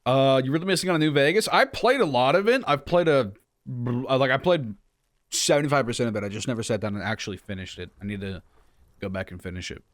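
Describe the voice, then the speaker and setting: A man's voice: medium pitch, fast talker. A man streaming a video game, chatting casually and reading dialogue with playful, wry asides. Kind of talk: casual gameplay commentary.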